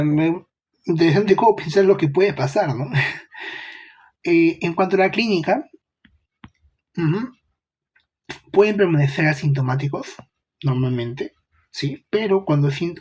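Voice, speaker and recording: A man's voice: on the high side, measured pace, pauses often, darkish tone, slightly rough. A young man giving a casual medical lecture, chatty, with rhetorical questions and slangy asides.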